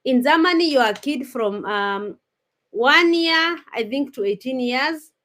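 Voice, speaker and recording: A high-voiced Kenyan woman in her thirties, with lively intonation and a fairly bright tone, takes her time as she hosts a casual live stream. She chats with her viewers directly and often starts her sentences over.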